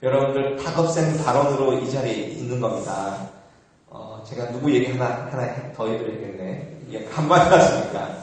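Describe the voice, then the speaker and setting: A man's voice: mid-range voice, moderate pace. A man, a monk, giving an informal Buddhist dharma talk, conversational with frequent fillers and laughter. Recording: very echoey, far from the mic.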